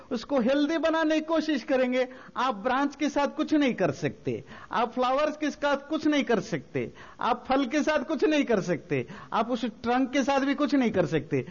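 A man giving a spiritual talk, explaining slowly with everyday examples and mixing English phrases into his speech. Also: very high-pitched, highs cut off. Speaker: spiritual teacher.

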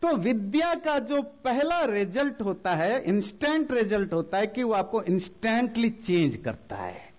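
A man giving a spiritual talk, explaining slowly with everyday examples and mixing English phrases into his speech. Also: high voice, very animated, dull audio. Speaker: spiritual teacher.

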